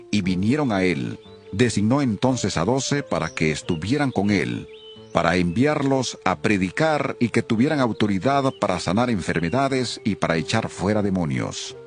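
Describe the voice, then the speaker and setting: A man narrating a Bible reading in a solemn, expressive scripted style. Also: fairly low pitch.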